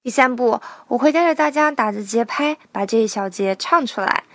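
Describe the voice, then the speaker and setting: Woman teaching singing slowly and patiently, highish voice, dry close sound. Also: expressive, a bit bright, no echo. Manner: explains patiently, slowly sings and spells out sounds. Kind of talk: line-by-line song pronunciation lesson.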